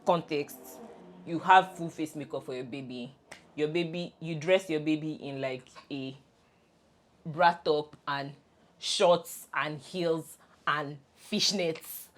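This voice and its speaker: A young Nigerian woman with a deep voice co-hosts a casual podcast, chatting slowly with her best friend. She tells stories animatedly, laughs often, and restarts her sentences many times.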